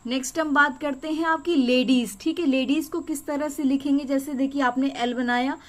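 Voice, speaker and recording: Young female tutor, high voice, patient step-by-step explainer who keeps checking in. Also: steady tone, normal speed. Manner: patient, repeats checks like "clear?" and "okay". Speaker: shorthand teacher.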